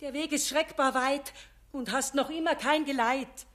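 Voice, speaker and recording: An actress playing a sick, weak woman in a nun's habit, pleading gently in a Bavarian accent with a feeble voice. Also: sits high, steady tone. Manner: slow, imploring. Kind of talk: radio play acting.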